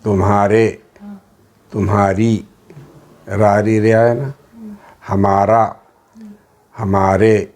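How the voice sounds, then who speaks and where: A man with a Hyderabadi Urdu accent teaching a classroom lesson, repeating each word and its meaning in a steady drill with English words mixed in. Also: on the low side, pauses often. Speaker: Arabic teacher.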